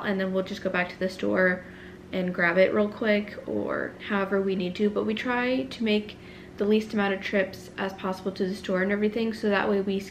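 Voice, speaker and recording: Young female family vlogger, casual and rambling, recorded on a camera mic at home with faint room noise. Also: mid-range voice. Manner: chatty, rambling, with fillers and self-corrections. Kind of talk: casual vlog chat. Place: home bedroom, then kitchen.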